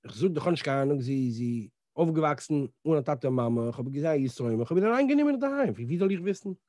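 A man's voice: fairly high pitch, expressive, fast talker, dark tone, no echo, studio quality, pitched below the performer's own voice, close to an everyday voice. A man voicing an older male guardian who gives mumbled, evasive answers.

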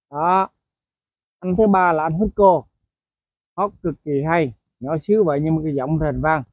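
With a voice on the high side and a moderate pace broken by long pauses, the man narrates his bird-keeping vlog casually, chatting about songbirds and addressing viewers often amid many fillers and asides. The dry recording has a tinny, phone-like quality.

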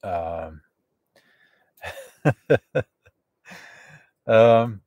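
Slow, halting man live from the woods. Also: on the low side, no echo, muffled recording. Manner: halting, many fillers and restarts. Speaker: channel host. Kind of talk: live stream chat to viewers. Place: outdoors in the woods at a campfire.

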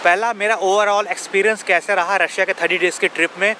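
A young Indian man vlogs on a grassy campus lawn, holding the camera at arm's length and earnestly explaining points while posing rhetorical questions in casual travel-vlog style. His voice is high, steady, fairly quick, bright and forceful, with outdoor noise behind it.

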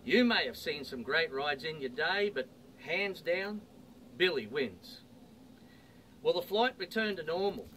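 An Australian man rolls through a comic bush poem, his fairly high voice bouncing across a wide pitch range. He is outdoors, and steady traffic noise sits behind him. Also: measured pace, distant mic, poor audio. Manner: rollicking rhyming delivery. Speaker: bush poet.

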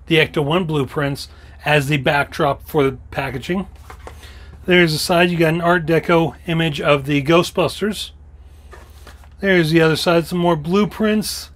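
A man's voice: a little high, a bit bright. A man hosting a toy review, slightly losing his voice, walking through each detail step by step in a casual show-and-tell style.

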